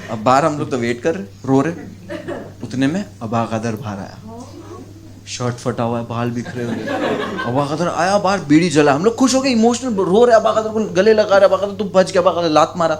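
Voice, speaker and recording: A slightly high-voiced man tells a stand-up comedy story, lively and loud, his pitch leaping as he goes. A heavy layer of noise and clicks sits under the recording. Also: moderate pace.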